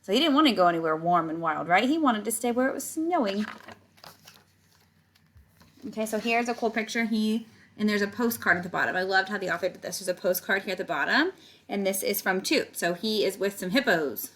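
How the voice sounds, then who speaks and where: Reading a picture book to children at a fairly quick pace, a woman with a mid-range voice sounds like a teacher. She lengthens words, storytells with energy, and speaks directly to the little ones with casual explanatory asides.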